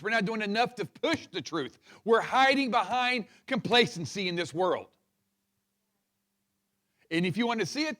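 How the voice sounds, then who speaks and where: A male pastor preaching a sermon with fired-up, passionate delivery. He calls on the congregation to repeat words after him, and his voice sits high for a man. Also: a bit bright. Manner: passionate, fired-up preaching with crowd call-and-response.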